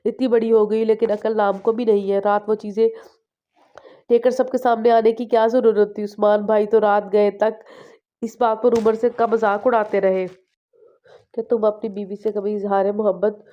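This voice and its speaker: A woman reading the part of an affectionate, gently teasing mother who scolds fondly. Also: medium pitch, flat delivery, moderate pace, close to an everyday voice. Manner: fond, scolding tone. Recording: dull lo-fi recording.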